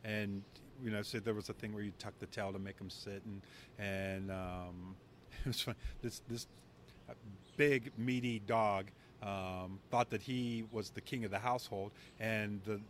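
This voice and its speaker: A man's voice: on the low side, fairly even intonation, a little slow, slight background noise. A man hosting a podcast, chatting candidly and laughing easily in an outdoor courtyard. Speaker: podcast host. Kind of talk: casual conversation.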